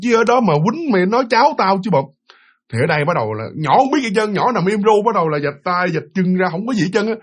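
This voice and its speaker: Brief: male storyteller, Southern Vietnamese accent, casual and talkative, high-pitched and a little husky. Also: sing-song, quick pace. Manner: chatty, repetitive, addresses listeners directly. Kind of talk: casual spoken ghost-story narration.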